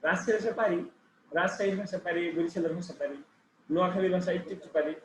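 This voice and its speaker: A man's voice: sits high, quick pace. A man teaching a computer class, explaining step by step and checking often that his student follows along. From Bangladesh. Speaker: computer trainer. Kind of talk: classroom instruction. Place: training center classroom. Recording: echoey room with faint background noise.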